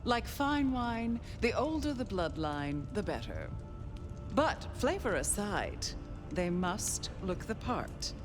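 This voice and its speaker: An actress playing a haughty, eccentric ancient vampire in a video game, languid and condescending, given to dreamy reverie. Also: female voice, mid-range voice, sing-song, slow pace, music in the background. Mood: fastidious, condescending. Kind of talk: dramatic video game acting.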